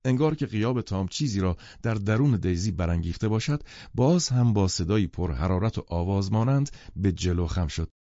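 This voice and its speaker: A low-pitched male narrator reading a novel with lively, expressive intonation. His voice is dark and mellow. The dry recording sounds dull and lo-fi. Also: no echo. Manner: expressive storytelling. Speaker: audiobook narrator. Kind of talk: scripted audiobook narration.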